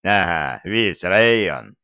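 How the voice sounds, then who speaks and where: A man's voice: fairly low pitch, sing-song, measured pace, a bit bright, dry recording, studio quality. A man voicing a brash, mocking special-forces commander in an audiobook reading. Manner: scornful, provoking.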